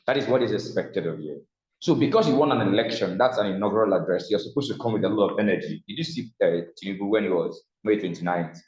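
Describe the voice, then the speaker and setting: Teaching public speaking in a classroom, a Nigerian-accented man talks fast and animatedly in a lowish, darkish voice. He frequently asks the room a question and then supplies the answer, and the echoey room makes the sound slightly dull.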